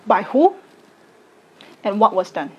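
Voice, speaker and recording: A woman, giving a slow, deliberate personal statement to camera. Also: mid-range voice, big pitch swings, breathy edge, lo-fi sound. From Singapore. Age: late 20s. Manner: slow, deliberate, measured delivery. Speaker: arts educator and content creator.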